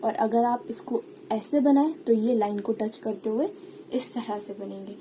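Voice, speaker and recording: A woman's voice: fairly high pitch, measured pace, dark tone, a little hiss or hum, poor audio. A woman teaching shorthand step by step, patiently explaining and asking and answering her own questions. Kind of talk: classroom lesson at a whiteboard or page.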